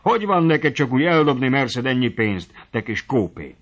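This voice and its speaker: Male narrator as a pushy old uncle: loud, excitable, climbs high when pressing, muffled audio.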